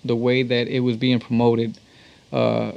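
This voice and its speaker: A man from Texas, United States, a musician and talk box artist, recounts stories in a relaxed interview with slangy street talk. His mid-range voice is gravelly and darkish yet clean in tone, delivered completely flat and a little slowly, over dull audio.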